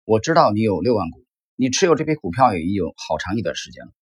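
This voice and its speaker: A man reading aloud and voicing a composed, politely calm male speculator. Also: on the low side, fast, breathy edge, no echo, studio quality.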